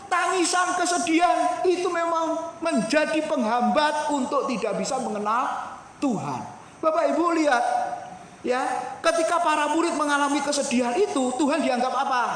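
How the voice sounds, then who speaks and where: A man preaching a sermon as pastor, animated, often addressing the congregation directly. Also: sits high. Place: church hall. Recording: echoey church hall, faint noise.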